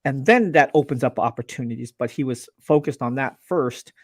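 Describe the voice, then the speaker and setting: A man guesting on a live-streamed interview, sharing business advice in an earnest, animated way with frequent restarts over a video call. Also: mid-range voice, moderate pace, no room sound, studio quality. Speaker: guest, laser business owner.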